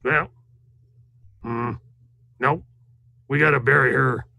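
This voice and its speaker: A man acting laconic folksy adventurer, heavy creak, bright edge, terse stubborn replies, dry recording. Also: mid-range voice, fairly even intonation, takes it slowly, dry recording, heavily acted. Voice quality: gravelly, creaky.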